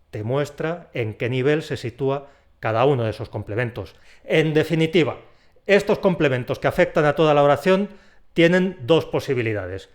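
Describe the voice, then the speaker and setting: A man teaching punctuation, in a clear, deliberate explanatory voice that acts out the intonation of his example sentences. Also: fairly high pitch. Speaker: Spanish grammar teacher. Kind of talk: recorded video lesson.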